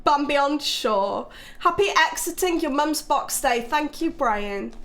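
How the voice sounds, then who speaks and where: A woman's voice: high voice, lively intonation, measured pace, fairly bright tone. A young English woman hosting a live stream, chatting casually with her chat, swearing freely and teasing people in a playful way. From England. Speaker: livestream host.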